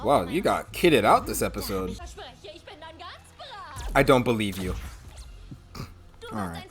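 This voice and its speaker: A woman giving casual, expressive reaction commentary as the host of a video, often exclaiming. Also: extremely low pitch, takes it slowly, faint music behind.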